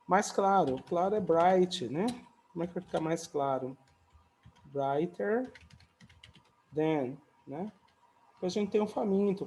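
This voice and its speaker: Chatty teacher with a mellow voice. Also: male voice, on the high side, a little hiss or hum. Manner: chatty, adds "né?" and "tá?" often, light jokes. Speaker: English teacher. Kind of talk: casual video lesson.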